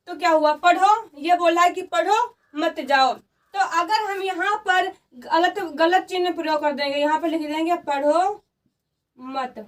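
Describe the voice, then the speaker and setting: A woman's voice: extremely high pitch, fairly bright tone, distant mic. A woman teaching a Hindi grammar lesson, repeating key words and asking and answering her own questions. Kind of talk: classroom lesson.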